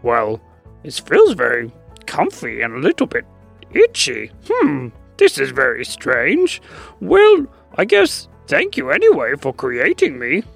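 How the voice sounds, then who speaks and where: A man's voice: wildly swooping pitch, vocal fry, a bit bright, soft background music, heavily acted. A man putting on a jolly talking snowman. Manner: jolly, booming ho-ho laugh, drawn-out musing. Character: cheerful talking male snowman of grass and feathers.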